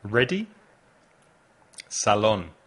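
A man teaches a podcast language lesson at a very slow, careful pace. His pitch moves lively up and down as he patiently asks the listener to repeat each word. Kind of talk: slow, deliberate English lesson with drills.

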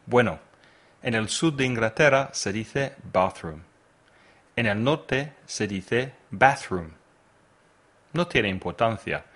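A man's voice: medium pitch, fairly bright tone. A man hosting a podcast lesson, teaching vocabulary and patiently prompting the listener to repeat words after him. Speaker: language teacher and podcast host. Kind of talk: slow, deliberate English lesson with drills.

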